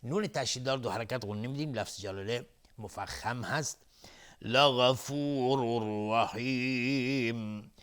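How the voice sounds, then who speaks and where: A man's voice: mid-range voice, a bit bright. A man teaching Quran recitation rules on television, explaining methodically and repeating sounds as drills. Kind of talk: tajweed lesson explanation. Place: television studio.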